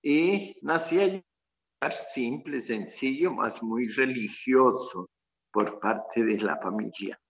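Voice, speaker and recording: A Colombian priest recounts his life story in a radio interview, speaking haltingly and reflectively in a medium-pitched voice over a dull remote line.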